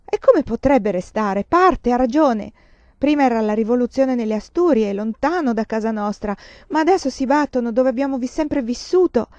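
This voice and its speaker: A woman reading a storybook voices a desperate young foreign student who pleads and shouts to be let out. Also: fairly high pitch, a little slow, dry recording. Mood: frantic.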